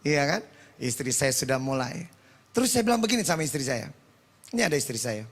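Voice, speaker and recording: A man preaching a sermon, moving between shouted proclamation and quiet personal storytelling. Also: mid-range voice, big pitch swings, brisk.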